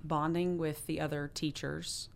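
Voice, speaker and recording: Low gravelly-voiced woman choir teacher. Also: level tone, unhurried. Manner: earnest and heartfelt. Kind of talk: interview conversation.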